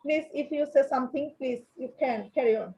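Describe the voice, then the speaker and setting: A woman's voice: high-pitched, fairly quick, mellow, lo-fi sound. A woman from Bangladesh hosting an online round table over a video call, hesitant with many fillers.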